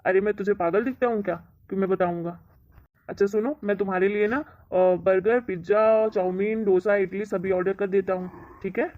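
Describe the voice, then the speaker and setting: A woman's voice: medium pitch, steady tone, normal speed, lightly acted. A woman playing a greedy middle-aged son and husband who coaxes and argues in a plain voice. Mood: scheming. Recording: dull lo-fi recording.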